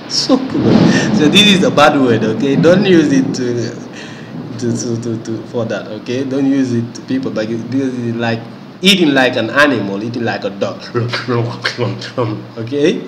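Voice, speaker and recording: A man teaching vocabulary with a lively, swooping voice that jumps up high to stress each new word. He repeats every term and keeps checking in with the listener. The room is echoey, with a faint hum of ambience behind him. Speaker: language teacher. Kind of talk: vocabulary lesson.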